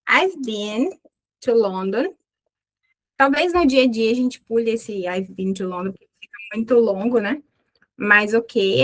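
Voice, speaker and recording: A woman teaching an English lesson, chatting casually and slowing down to repeat English phrases carefully. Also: on the high side, low-quality recording. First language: Portuguese. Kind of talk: live online English lesson.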